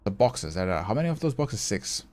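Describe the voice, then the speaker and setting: Streaming a game live, a man with a slightly low, sing-song voice talks fairly quickly. Between moves he chats loosely with viewers, responds to their messages, thinks out loud about what to try next, and curses here and there.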